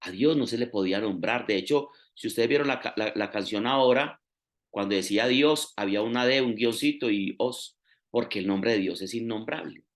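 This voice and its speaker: A man's voice: fairly low pitch, moderate pace. A man preaching a sermon, explaining step by step and stressing key phrases.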